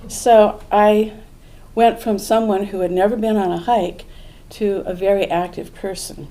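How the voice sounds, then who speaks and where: A woman's voice: medium pitch, steady tone, measured pace, dark tone, rough recording. An older woman telling a true story at a live event, in an earnest, reflective way. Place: small museum event room.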